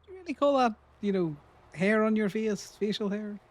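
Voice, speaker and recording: A man's voice: high-pitched, lively intonation, normal speed. A man with an Irish accent, teasing friends in casual gaming chat. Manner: teasing, joking banter.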